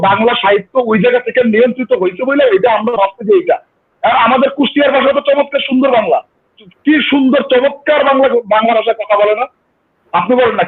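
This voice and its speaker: A man's voice: extremely high pitch, a little hiss or hum. Insistent man with an Old Dhaka accent. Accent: Old Dhaka Bengali. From Bangladesh. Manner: insistent, talks over interruptions, stammering restarts. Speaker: guest. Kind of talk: heated panel debate. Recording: tinny phone-like line.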